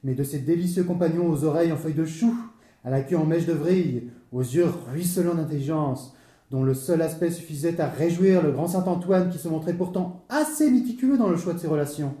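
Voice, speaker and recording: A man's voice: fairly high pitch, brisk, mellow, reverberant, close to an everyday voice. A man playing a fussy, wordy storyteller. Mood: lively. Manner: theatrical, wordy, easily flustered. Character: talkative man telling a comic misadventure. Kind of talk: stage comedy dialogue.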